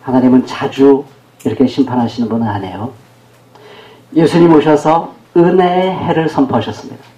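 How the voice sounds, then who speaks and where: A man's voice: medium pitch, moderate pace, warm tone, highs cut off. A man preaching a sermon as pastor, talking with the congregation and asking them questions. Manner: conversational, questions the congregation, acts out quoted speech. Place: church sanctuary. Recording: echoey church hall.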